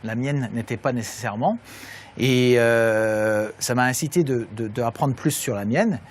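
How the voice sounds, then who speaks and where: A man's voice: mid-range voice, measured pace, slight background noise. A man from New York speaking in an interview, thoughtful, with small restarts. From New York, USA.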